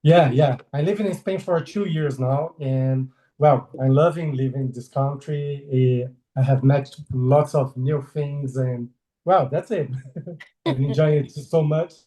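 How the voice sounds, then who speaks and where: Poor audio and a roomy sound frame a man in his forties from Brazil with a Brazilian Portuguese accent. A guest illustrator in a casual video-call interview, he is friendly and hesitant, laughing often, with a warm, medium-pitched voice and an unhurried pace.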